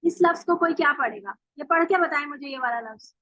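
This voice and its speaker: A woman teaching Quran recitation in an online class, patiently explaining and slowly modeling each sound. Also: high-pitched, bright, forceful tone, no echo. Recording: dull dry call audio.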